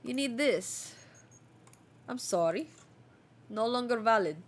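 A woman's voice: fairly high pitch, animated, slow. A woman giving playful gameplay commentary while role-playing a border officer. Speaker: game streamer.

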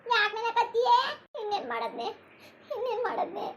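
Woman doing a crying elder sister-in-law, cartoon village wife, very high voice, sobbing lament. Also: sing-song, moderate pace, slight background noise, exaggerated voice. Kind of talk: cartoon voice acting.

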